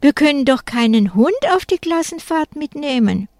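A woman's voice: high-pitched, expressive, normal speed, a little mellow, dry recording, clean studio sound, voice pushed up. Woman voicing a flustered, fretful schoolteacher. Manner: worried, flustered. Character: fretful female schoolteacher on a class trip. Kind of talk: storybook reading.

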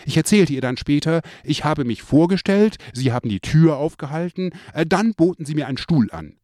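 A man reading his own memoir aloud, telling a childhood story in a lively way and lifting his voice for the remembered lines. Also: a little high, brisk, no echo, clean studio sound. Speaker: narrator.

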